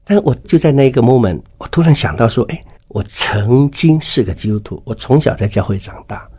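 A man's voice: medium pitch, animated, brisk, a little mellow, slightly rough. A middle-aged man giving a personal faith testimony as an interview guest, telling his story with emotion and acting out the dialogue.

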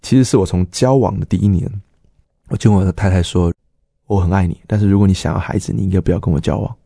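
A man's voice: deep voice, fairly even intonation, fast, vocal fry, warm tone, no room sound, studio quality. A middle-aged man, a pastor earnestly telling his personal testimony and acting out the dialogue he quotes.

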